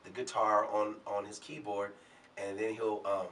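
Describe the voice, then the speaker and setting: A man who is a singer and a guest on a talk show. He tells stories from his career in a relaxed way. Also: fairly low pitch, normal speed, far from the mic, slight background noise. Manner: relaxed anecdotal storyteller. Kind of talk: storytelling in an interview.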